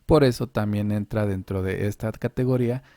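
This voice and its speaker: A man's voice: lowish voice, steady tone, moderate pace, dark tone, no echo, clean studio sound. A man teaching a language lesson online, patiently explaining step by step and asking and answering his own questions.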